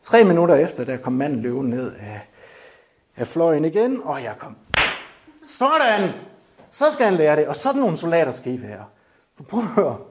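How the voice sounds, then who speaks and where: A man preaching a lively sermon, joking with the congregation and shouting to drive points home. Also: a little high.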